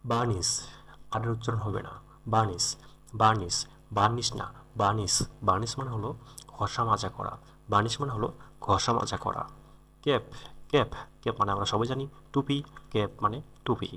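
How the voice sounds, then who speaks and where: A man's voice: fairly low pitch, steady tone, fairly quick, long pauses, pushed and bright, slightly rough. A man teaching English vocabulary, repeating each word and its meaning and correcting pronunciation. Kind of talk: vocabulary lesson.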